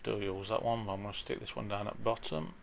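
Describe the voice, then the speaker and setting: A man with a broad Yorkshire accent talking through an informal software tutorial in a plain-spoken, chatty way, with a gravelly voice. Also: on the low side, steady tone, fast talker, slight background noise. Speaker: tutorial presenter.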